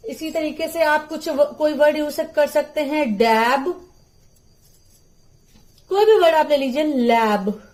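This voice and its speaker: Patient high-voiced woman teaching phonics. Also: darkish tone. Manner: patient, drawn-out sounding of phonics syllables. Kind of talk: phonics lesson for parents and teachers.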